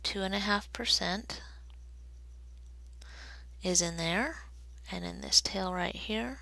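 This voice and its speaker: A woman's voice: mid-range voice, vocal fry, bright, forceful tone, no room sound, low-quality recording. A woman teaching a recorded statistics lesson, explaining step by step while she draws graphs. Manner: slow, deliberate explaining while drawing on a graph.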